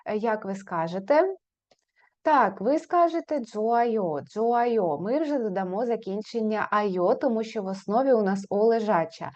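A woman teaching an online language lesson, slowly and clearly repeating example words for her students. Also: medium pitch, animated, darkish tone, lo-fi sound.

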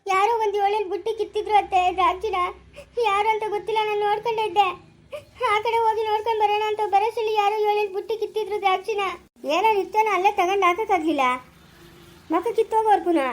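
A woman's voice: very high voice, fairly even intonation, fast. A young woman, acting an orphaned village girl who pleads through tears. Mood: crying. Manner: tearful, pleading. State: crying. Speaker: young farm worker. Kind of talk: amateur family drama acting.

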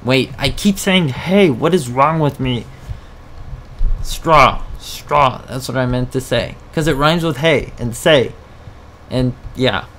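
A gameplay commentator plays a farming game and chats casually with his viewers, poking fun at himself in let's-play style. His voice is mid-range and a bit bright, his pace slow, with slight background noise.

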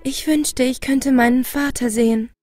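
A woman's voice: sits high, fairly even intonation, moderate pace, music in the background, natural voice. A woman playing a kind, earnest young daughter in a German fairy tale, speaking politely. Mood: wistful. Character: kind, dutiful young beauty, a loving daughter.

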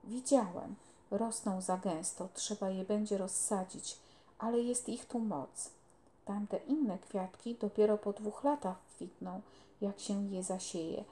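A woman's voice: mid-range voice, slow, mellow, lightly acted. A woman reading aloud, voicing a cheerful country boy who gardens, with an eager, rustic manner. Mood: friendly.

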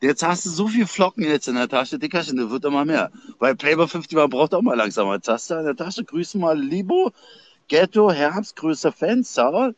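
A man with a Berlin accent hosting a livestream, rambling in slang with shout-outs. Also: on the high side, lively intonation, normal speed. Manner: slangy, rambling, calls everyone Dicker. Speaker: livestream host.

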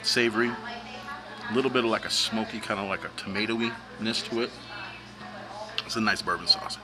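A man's voice: on the low side, moderate pace. A man reviewing food in a laid-back, slangy way while chewing. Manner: laid-back, slangy, talks through bites. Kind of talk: casual food review vlog. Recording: music playing behind.

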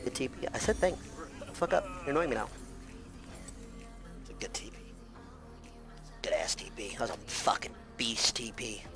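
A male live game streamer talking to his chat while he plays, profane and quick to burst into shouting. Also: medium pitch, very animated, music in the background. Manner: loud, profane, erupts into shouting. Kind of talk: gaming livestream talk.

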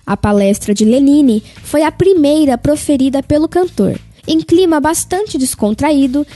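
News lady voiceover, high and mellow, smooth and steady, light music behind. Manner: smooth, measured delivery. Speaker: news reporter. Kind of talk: scripted news narration.

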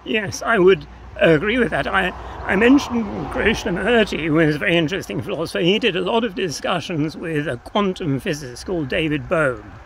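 Animated and fairly quick with few pauses, this older man speaks in a high-sitting, slightly bright voice, though the audio is poor. He's an interview guest standing on open grassland by a path, where clear ambient noise comes through, and he explains ideas reflectively, tentatively and philosophically.

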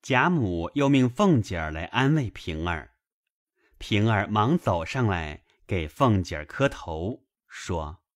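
A man narrating a classic novel aloud in a measured, expressive storytelling manner. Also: lowish voice, no echo, studio quality.

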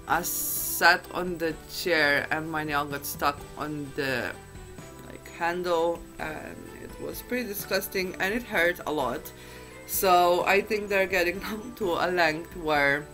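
A woman's voice: on the low side, fairly bright tone, low-quality recording. A woman chatting casually to camera as a beauty vlogger, in a groggy just-woken-up morning voice and a chatty, self-deprecating way.

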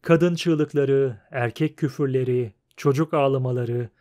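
A man narrating an audiobook in a steady, measured reading. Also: medium pitch. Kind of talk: scripted narration.

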